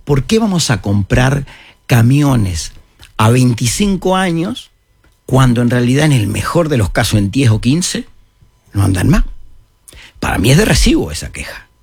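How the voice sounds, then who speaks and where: Animated older Uruguayan man, husky. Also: mid-range voice, measured pace, no echo, clean studio sound. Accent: Uruguayan Spanish. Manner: explanatory, animated, folksy asides. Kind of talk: radio talk-show discussion.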